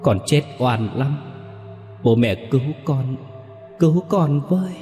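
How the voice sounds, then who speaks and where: A man's voice: mid-range voice, animated, takes it slowly, mellow, faint music behind, pitched above the performer's own voice. A man voicing the ghost of a drowned young man, sobbing and pleading in an echoing voice.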